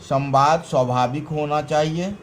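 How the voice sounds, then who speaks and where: A male teacher giving a lesson in a slow, deliberate way, pausing between phrases and stressing key words. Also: a little high, steady tone, slight background noise. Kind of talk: classroom lesson.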